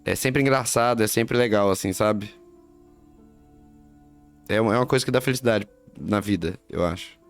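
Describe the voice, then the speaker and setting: A man from Minas Gerais, Brazil, speaks Brazilian Portuguese with a local accent in a lowish voice at normal speed, pausing often. He chats casually and slangily while streaming a game, giving relaxed commentary. Faint game music plays behind him.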